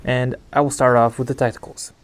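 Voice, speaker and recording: A man narrating a game guide in a hushed, partly whispered voice, as if recording late at night. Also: mid-range voice, level tone, a little fast. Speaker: gaming video host.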